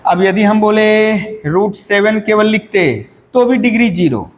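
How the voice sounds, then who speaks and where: A man's voice: high-pitched, expressive, a little slow, a little hiss or hum. Man, maths teacher, classroom lesson, quizzes students and answers himself, long hall reverb. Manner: calls students "beta", asks questions and answers them himself.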